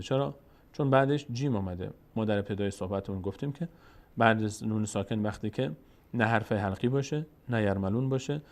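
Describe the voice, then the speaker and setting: A man with a Tajik-influenced Persian accent teaching Quran recitation, explaining the rules and slowly drawing out each Arabic word as he demonstrates it. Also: lowish voice, a little mellow. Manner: slow, drawn-out demonstration of Arabic words between explanations. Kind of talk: recitation lesson.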